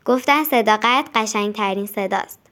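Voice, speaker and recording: A woman voicing a shy, kind village schoolgirl in a storybook, softly and modestly. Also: fairly high pitch, natural voice.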